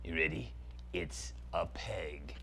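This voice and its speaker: A man's voice: sits low, slow, vocal fry, fairly bright tone, voice pushed down, heavily acted. A man voicing a pompous villain sorcerer prince in a comic skit, haughty and theatrical, now and then dropping to a stage whisper.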